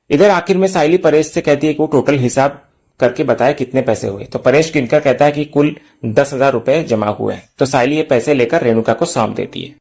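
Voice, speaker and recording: Man steadily retelling a TV episode. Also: mid-range voice. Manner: steady storytelling, plain retelling of scenes. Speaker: TV serial review narrator. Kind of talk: episode recap narration.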